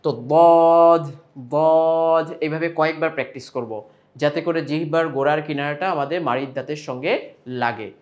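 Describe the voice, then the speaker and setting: A man's voice: fairly high pitch, steady tone, fairly quick, muffled recording. A man with a Bangladeshi Bengali accent teaching Quran pronunciation step by step, stretching out sample sounds between explanations.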